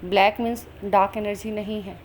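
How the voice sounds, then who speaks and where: A woman's voice: mid-range voice, fairly even intonation, brisk, slight background noise. Earnest woman telling a spiritual vision. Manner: earnest, flowing Hindi-English mix with fillers. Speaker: spiritual channel host. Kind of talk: personal spiritual account.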